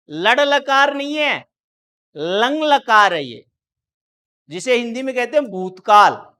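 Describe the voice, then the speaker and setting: A man with a very high-pitched, fairly bright, clear, and resonant voice gives a classroom lecture on Hindi grammar. He explains step by step, repeatedly quizzes his students, and stretches out syllables when sounding out example words.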